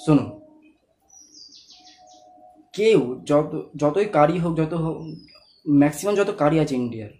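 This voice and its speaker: A man, teaching a pronunciation lesson and patiently repeating each sound slowly for learners to copy. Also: on the high side, expressive, mellow. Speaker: Quran reading teacher.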